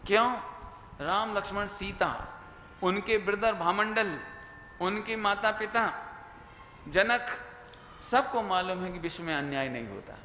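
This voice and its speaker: High-voiced man preaching in an echoey hall. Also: a little slow, pauses often. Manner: lively, mixes in English phrases, acts out quoted lines. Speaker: Jain preacher. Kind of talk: sermon. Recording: echoey hall with faint noise.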